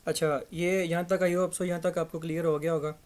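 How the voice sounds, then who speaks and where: A young man gives a relaxed grammar lesson. His voice sits on the higher side for a man. He talks in a loose, conversational way and drags out example words so learners can hear each syllable. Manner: conversational, repeats words slowly for pronunciation. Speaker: English teacher.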